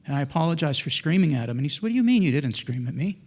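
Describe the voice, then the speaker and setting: A middle-aged man telling a personal faith story in an earnest, halting way, often restarting and repeating words. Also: on the high side, sing-song.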